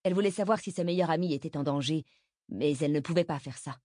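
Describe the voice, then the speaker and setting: A woman reading a novel aloud as narrator, in an even, measured manner. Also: low voice, dry recording, studio quality. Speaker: audiobook narrator. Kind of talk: scripted narration.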